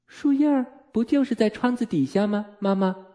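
Male reader doing a carefree little girl, raised pitch, breezy and matter-of-fact, storybook. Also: normal speed, dark tone, natural voice. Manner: light, unconcerned tone.

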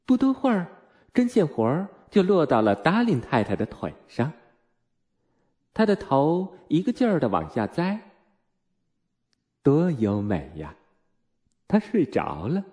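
A man narrating a storybook in an expressive storytelling manner. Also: on the high side, unhurried, pauses often. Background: soft music.

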